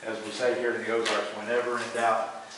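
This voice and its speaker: A man with an American accent guiding a tour in a halting way, searching for words as he talks in an echoing cave. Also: lowish voice, monotone. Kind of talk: guided tour talk. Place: inside a show cave. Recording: echoing cave, distant mic, faint noise.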